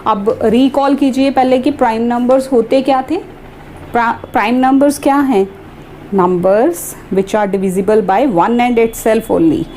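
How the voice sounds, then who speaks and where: A woman math teacher, explaining each step slowly and carefully in a classroom-style lesson. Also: on the high side, dark tone, slight background noise. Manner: slow, deliberate explaining, mixing English terms into Hindi.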